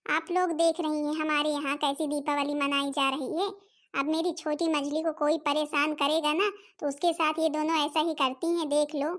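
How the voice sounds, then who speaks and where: A woman's voice: high voice, fairly bright tone. A woman voicing a scolding middle-aged elder sister-in-law in a cartoon, chattering and talking to viewers. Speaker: narrator figure addressing viewers. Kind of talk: Hindi cartoon voice acting.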